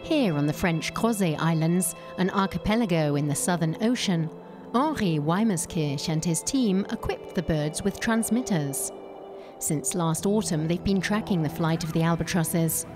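A woman's voice: lowish voice, moderate pace. A woman reading scripted nature documentary narration as a voice-over. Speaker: report narrator. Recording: voice-over with music bed. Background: music.

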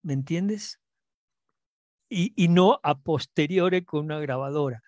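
A man's voice: a little high, a little slow, a little mellow, no echo, highs cut off. An older man in his sixties on a headset mic, earnestly explaining on a video call with many fillers. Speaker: guest parent. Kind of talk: casual video call chat.

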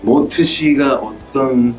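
A man's voice: medium pitch, takes it slowly, a little mellow. A man in his thirties with a Korean American accent, hosting a casual interview in simple, loosely built phrases. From United States. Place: indoor rehearsal room with drum kit. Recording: distant mic, music behind.

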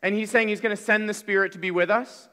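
A man in his thirties preaches from the pulpit of a large church, talking in a conversational, energetic way. His voice sits high and sounds bright and forceful. It rings out with a long hall reverb. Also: fast. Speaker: pastor. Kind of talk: sermon.

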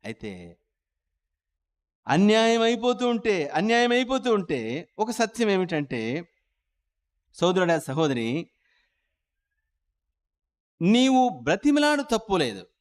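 A man's voice: high-pitched, very animated, slow pace, long pauses. A male preacher delivering a dramatic sermon, acting out pleading voices and calling on listeners to repeat after him.

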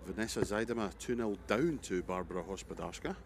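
A man's voice: on the low side, expressive, fairly quick. A man giving live darts commentary alongside a co-commentator. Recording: faint venue noise behind.

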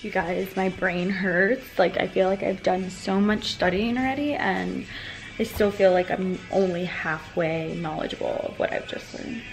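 A woman's voice: on the low side, a little slow, gravelly, faint music behind. A woman in her twenties chatting casually to camera in a vlog, sometimes dropping to a whisper. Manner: chatty, with whispered morning asides. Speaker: vlogger. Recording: noisy phone-camera vlog audio.

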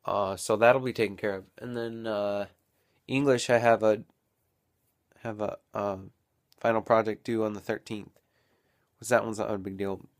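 Rambling young man thinking out loud. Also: lowish voice, steady tone, moderate pace, long pauses. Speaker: vlogger. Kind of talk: casual daily vlog.

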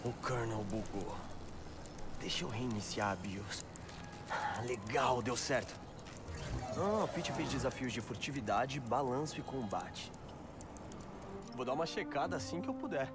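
An actor playing an upbeat young male superhero in a video game, talking casually and quickly. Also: medium pitch, expressive, natural voice. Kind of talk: game voice acting. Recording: game audio over loud music.

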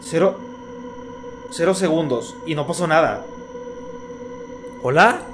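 Young man, panicky let's-play commentary, somewhat high voice, clear music behind. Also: lively intonation, slow pace. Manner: jumpy, panicky, talks to viewers as cracks. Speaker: gaming YouTuber.

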